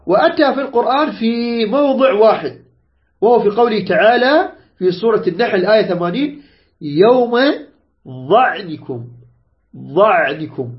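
A man teaching a tajweed lesson, repeating points, quizzing students and stretching out example words. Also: sits high. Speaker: Quran recitation teacher. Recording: dull lo-fi recording.

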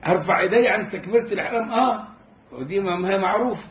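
A man with a strikingly high voice and an Egyptian Arabic accent teaches Islamic jurisprudence with humor. He demonstrates pronunciation by drawing words out slowly, and the recording is echoey and a little dull.

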